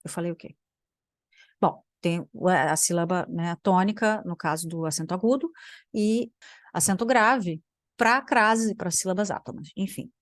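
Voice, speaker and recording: A woman's voice: on the low side, moderate pace, no room sound, clean studio sound. A young Brazilian woman, a language teacher, giving sarcastic reaction commentary while thinking aloud and trailing off into mutters. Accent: Brazilian Portuguese.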